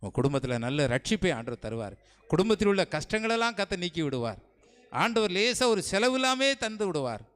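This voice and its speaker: A male preacher giving a call-and-response sermon. He keeps asking rhetorical questions, answers them himself, and calls on the crowd to say hallelujah loudly. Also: sits high, big pitch swings, brisk. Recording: loud music behind the voice. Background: instrument music.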